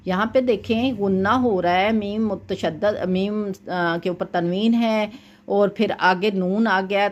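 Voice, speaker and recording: A woman teaching tajweed, correcting a student's recitation and explaining each rule step by step, often checking in with a quick "okay". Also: mid-range voice. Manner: recites verses slowly and drawn out.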